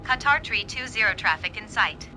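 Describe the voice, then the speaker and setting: A woman's voice: medium pitch, animated, normal speed, music in the background, natural voice. A woman playing a businesslike airline pilot, giving clipped radio readbacks in a flight game.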